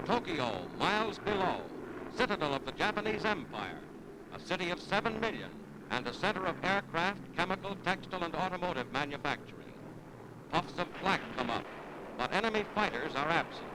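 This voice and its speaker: An American man narrates a scripted wartime newsreel in the dramatic, declamatory manner of the 1940s, his voice sitting high with big pitch swings and a fairly quick pace. The vintage newsreel soundtrack is noisy, with a loud musical score underneath.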